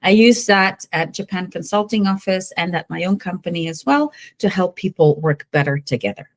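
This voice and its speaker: A woman's voice: lowish voice, lively intonation, normal speed. A woman from Belgium, a guest consultant, talks in a friendly, explanatory way with a few fillers. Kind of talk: casual interview talk.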